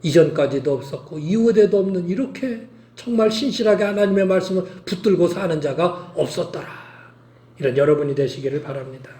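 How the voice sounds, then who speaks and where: A man's voice: high voice, expressive, brisk, mellow, reverberant. A male pastor preaching a sermon, emphatic and urging his listeners to act, repeating his calls.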